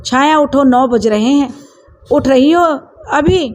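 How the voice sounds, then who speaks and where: A woman's voice: high voice, takes it slowly, darkish tone, pitched above the performer's own voice. A woman storyteller voicing a middle-aged mother-in-law who firmly scolds her late-sleeping daughter-in-law. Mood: scolding. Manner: firm, scolding.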